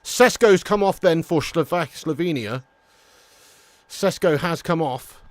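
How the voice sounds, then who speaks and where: A man hosting a live football watch-along with a fairly high voice. He chats casually and jokily, insisting on his own gags. The sound is dry and close, with no room echo. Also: expressive, a little slow. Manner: jokey, chatty, mock-insistent.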